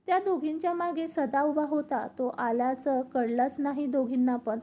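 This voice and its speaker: High-voiced woman storyteller. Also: moderate pace. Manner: steady, expressive reading. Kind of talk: scripted story narration.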